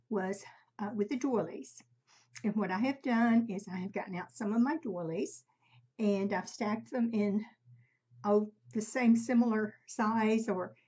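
Husky older woman, slightly muffled. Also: on the high side, a little mellow. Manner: halting, unhurried, conversational. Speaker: craft tutorial host. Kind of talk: casual craft demonstration. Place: home craft room, indoors. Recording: slightly dull, muffled sound.

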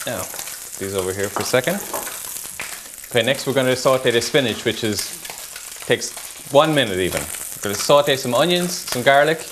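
In this cooking demonstration, a man chef speaks at normal speed with a medium-pitched voice, calmly walking through each step as he cooks. He's indoors in a home-style kitchen, and pans sizzle noisily in the background.

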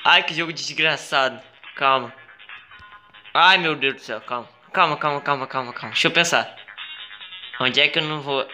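A man with a Brazilian accent doing gameplay commentary, exclaiming, swearing and pleading at the game, with sudden high yelps. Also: normal speed, long pauses, pushed and bright, soft background music. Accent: Brazilian Portuguese. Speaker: gaming video creator.

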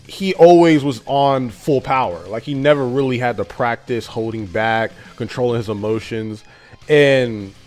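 A man talking casually as a gaming YouTuber, his voice raspy and a bit deeper than usual, with animated delivery and sudden loud bursts.

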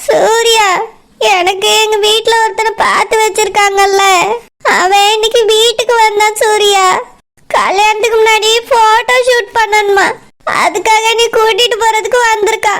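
A woman's voice: very high voice, fairly even intonation, normal speed, a bit bright. A woman voicing a tearful young woman who does not want to marry, crying and pleading as she talks, in a cartoon. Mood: distressed. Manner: pleading, sobbing. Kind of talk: cartoon voice acting.

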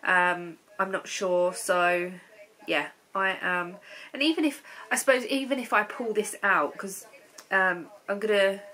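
On a rough recording, a woman in her thirties talks about knitting to camera from her sofa at home, her nose stuffed up by a cold. She speaks at a measured pace in a steady, sharp, medium-pitched voice, rambling and saying um a lot.

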